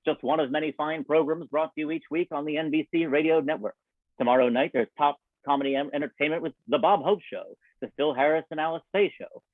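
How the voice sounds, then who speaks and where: A man with a voice on the high side hosts and announces a radio show, delivering a scripted introduction with ad-libs in a wry, theatrical manner. The sound is thin, band-limited and phone-quality, with no room sound.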